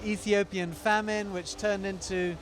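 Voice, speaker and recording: A man with a fairly high voice talks on a live stream about an event he helps run. He speaks loosely and rambles, stopping often to find his words. He was recorded outside, with city traffic around. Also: level tone, unhurried, soft background music. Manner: rambling, many fillers and restarts. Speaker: event organizer and former TV producer. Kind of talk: casual live stream chat.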